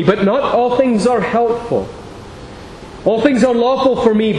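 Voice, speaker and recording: A man preaching as pastor, reading scripture in a measured, deliberate way into a pulpit microphone. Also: high voice, darkish tone. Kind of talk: sermon with scripture reading and prayer. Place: large church sanctuary. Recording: echoey church hall with long reverb, faint hiss.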